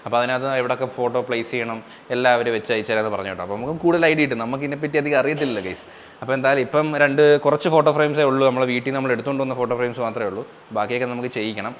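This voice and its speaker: A man's voice: mid-range voice, steady tone, rapid-fire, slight background noise. A man, chatting to viewers in a casual home vlog. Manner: chatty, addresses viewers as guys. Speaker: family vlogger.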